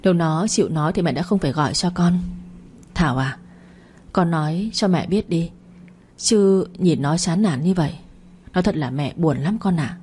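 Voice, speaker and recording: A woman's voice: on the low side, normal speed, warm tone, breathy edge. A woman voicing an angry older village mother who scolds her son harshly in an audio story. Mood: pleading.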